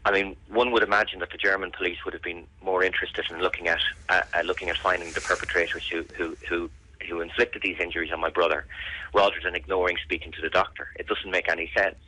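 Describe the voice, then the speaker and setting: An Irish man with a deep voice and a firm, bright edge. He answers interview questions earnestly and presses his points by repeating them. The sound is close and dry. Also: little pitch movement, quick pace, no room sound, poor audio. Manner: earnest, insistent, repeats phrases for emphasis. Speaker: interviewee, bereaved brother campaigning for an investigation. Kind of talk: serious radio interview answers.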